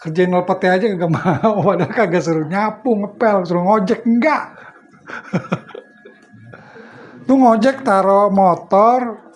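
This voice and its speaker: A man's voice: high-pitched, slow pace, pauses often. A middle-aged man giving a casual religious study talk, telling stories and laughing often. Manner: chatty storyteller, often laughs. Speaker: preacher.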